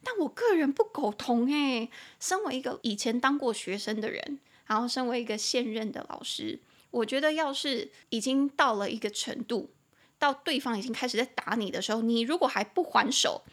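A woman's voice: on the high side, lively intonation. Chatty woman teaching English in Taiwanese Mandarin. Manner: spells words out slowly letter by letter; chatty, opinionated asides. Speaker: English teacher and podcast host. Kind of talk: bilingual podcast lesson.

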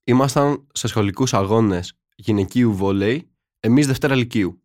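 A man's voice: mid-range voice, a little mellow, dry recording, studio quality. A young man co-hosting a podcast, chatting casually and telling ironic, slang-filled stories. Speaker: podcast co-host. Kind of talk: casual chat.

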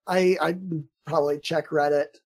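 A man's voice: on the high side, steady tone, moderate pace, darkish tone. A man hosting a podcast, talking casually with plenty of fillers and restarts. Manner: chatty, lots of fillers and restarts. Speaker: podcast host. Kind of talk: casual interview.

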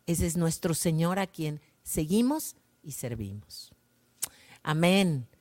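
A woman gives a slow, prayerful gospel reflection as a worship leader, often softening to a hush at the ends of lines. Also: low-pitched, lively intonation.

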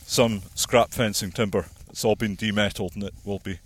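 Farmer explaining while walking outdoors. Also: male voice, lowish voice, steady tone. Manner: measured, explanatory, practical. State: slightly out of breath. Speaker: farmer and landowner. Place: outdoors on a hillside plantation.

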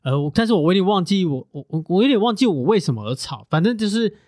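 A man talks loudly in casual podcast chat. His pitch sits a little high and swings all over the place. He rattles off his stories at a quick clip. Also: dry recording, clean studio sound. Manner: loud, animated storytelling. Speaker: podcast co-host.

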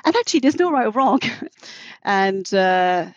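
A middle-aged marketing executive, not a native English speaker, appears as a guest on a podcast interview. She talks thoughtfully in a medium-pitched, sing-song voice, halting and often restarting her sentences, on a dry, muffled recording.

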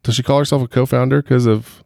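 A man's voice: medium pitch, fairly even intonation, fast talker, creaky, dark tone, no room sound, studio quality. A man co-hosting a podcast in casual chat, joking and a little self-conscious as he rambles. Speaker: podcast co-host.

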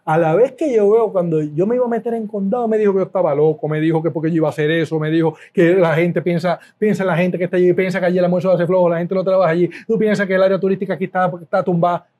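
Mellow-toned Puerto Rican man telling stories. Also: high-pitched, racing, few pauses, muffled recording. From Puerto Rico. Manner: animated, repeats words for emphasis, laughs while telling stories. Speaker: guest, food business owner. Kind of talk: casual interview storytelling.

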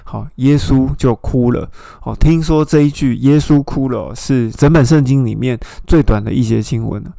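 A man's voice: mid-range voice, moderate pace, vocal fry, warm tone, no room sound. A man teaching a Bible study. He explains scripture, retells its scenes and asks his listeners questions.

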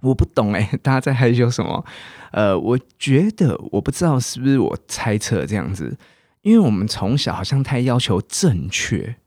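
A man with a Taiwanese Mandarin accent, hosting a casual podcast English lesson and coaxing listeners to repeat example words slowly. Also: mid-range voice, very animated, a little mellow, no echo, studio quality. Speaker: English teacher and podcast host.

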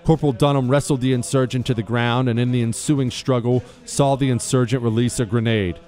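American man crisply reading a military citation. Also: medium pitch, steady tone, a little fast, a little mellow, faint music behind. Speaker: radio talk show host.

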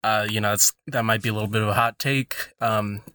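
A man's voice: on the low side, fairly even intonation, a little fast, bright, forceful tone, dry recording. A man chatting as a podcast guest from a laundry room, joking and rambling. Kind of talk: casual chat. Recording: noisy laundry room recording.

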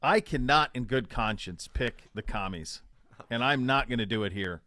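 A man's voice: mid-range voice, animated, moderate pace, sharp tone, no echo. A man co-hosting a casual sports chat who wisecracks and chimes in often. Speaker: co-host.

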